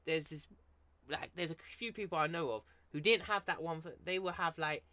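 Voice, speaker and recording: A man's voice: a little high, fairly quick, bright, forceful tone, a little hiss or hum. A man in his twenties with an Essex estuary English accent, chatting casually in emphatic, repetitive, sweary street slang. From Essex, England.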